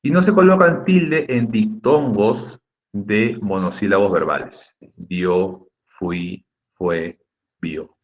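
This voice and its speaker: A man's voice: lowish voice, slow, narrow, tinny audio. A man teaching an online class, explaining patiently, repeating key points and checking in with his students. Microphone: video call.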